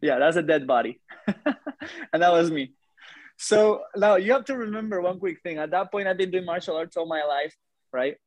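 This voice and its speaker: Animated man telling a story, dry sound. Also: high-pitched, normal speed, dry recording. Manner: animated, conversational, asks the audience questions. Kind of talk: live storytelling to an audience.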